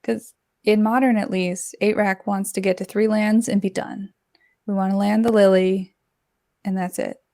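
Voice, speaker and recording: A woman co-commentating a live card game stream, working through her analysis thoughtfully and often hedging. Her voice sits at an ordinary pitch for a woman. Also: little pitch movement, moderate pace, dark tone. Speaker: co-host and commentator.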